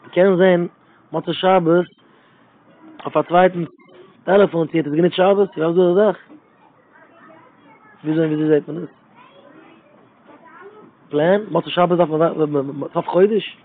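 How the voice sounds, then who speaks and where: A man's voice: on the high side, steady tone, unhurried, pauses often. A middle-aged man giving an informal religious talk, repeating his phrases with emphasis and circling back to them. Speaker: religious speaker. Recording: tinny phone-line sound.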